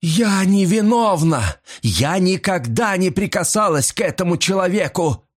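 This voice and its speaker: A man voicing a furious middle-aged woman accused of crimes, shrill and screaming in an audiobook. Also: expressive, unhurried. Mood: hysterical.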